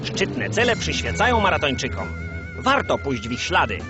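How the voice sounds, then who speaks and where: A man's voice: fairly high pitch, wildly swooping pitch, normal speed. A man narrating in the manner of an old communist-era newsreel, grandiose, solemn and rousing in a scripted mock-propaganda style. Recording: dull lo-fi sound under loud music.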